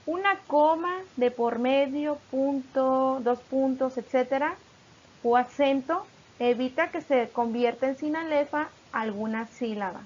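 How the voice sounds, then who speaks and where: A woman's voice: high-pitched, measured pace, lo-fi sound. A woman teaching poetry metrics, patiently explaining and stretching out syllables as she reads examples.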